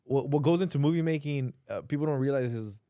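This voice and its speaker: A man's voice: mid-range voice, fast talker, mellow, clean tone, dry recording, clean studio sound. A man in a casual, opinionated podcast chat, earnestly arguing his point with slang and swearing. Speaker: podcast host.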